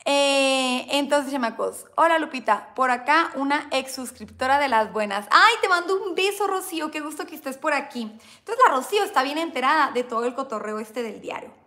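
A woman's voice: high voice, animated, normal speed, pushed and bright. A woman with a Mexican accent who chats playfully with her viewers on a livestream while reading aloud from an old diary. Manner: chatty, playful, calls viewers "chamacos" and "bebé". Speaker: YouTuber hosting a livestream.

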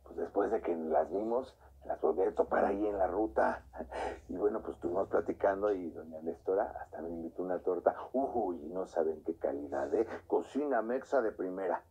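A man's voice: sits low, moderate pace, warm tone, slightly rough, muffled recording, full character voice. An actor with a Mexican accent playing an easygoing, chatty middle-aged man who manages street performers in a TV drama. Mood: casual, teasing. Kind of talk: naturalistic telenovela dialogue.

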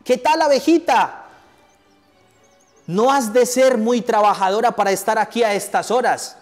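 A man's voice: very high-pitched, a little slow, voice pushed up. A man playing a mocking green snake. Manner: taunting, mocking, gloating laughter. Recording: echoey hall, faint music.

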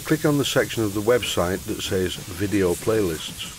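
An older man with a softened northern English accent, narrating an unscripted workshop tutorial voice-over in a relaxed way with a slight stutter, into a high-end studio microphone. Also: moderate pace, a little hiss or hum. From northern England. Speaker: model engineering tutor.

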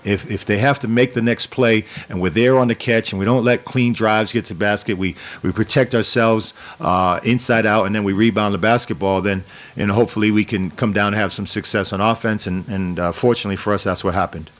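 A middle-aged man with a fairly low voice fields questions after a game as head coach. He speaks in a measured, steady way, doubling words as he restarts a thought. He talks into a desk microphone in a press room. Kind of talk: post-game press conference answers. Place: press room in front of a sponsor backdrop. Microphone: desk microphone on a stand.

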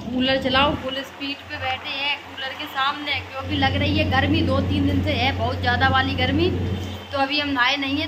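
Chatty young woman vlogging from a hostel. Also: high-pitched. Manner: chatty, talking to viewers. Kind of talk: casual vlog narration. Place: hostel room and kitchen, indoors. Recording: noisy phone recording.

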